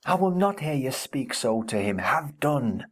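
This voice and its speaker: A woman's voice: a bass voice, very animated, unhurried, voice pushed down, heavily acted. A woman voicing an earnest, subdued rustic young man who mutters reproachfully, in an audiobook.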